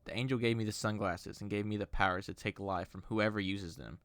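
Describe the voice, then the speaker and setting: A man's voice: on the low side, steady tone, fairly quick, a bit bright, no room sound. Sorrowful old male ghost in a horror story, apologetic and pleading, read by a man. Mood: remorseful.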